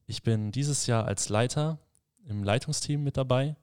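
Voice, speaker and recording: In a casual podcast conversation, the host, a 21-year-old man who leads at a mission school, questions his guest in a friendly, relaxed manner with plenty of fillers. He speaks unhurriedly in a clear, resonant mid-range voice, recorded at studio quality without echo.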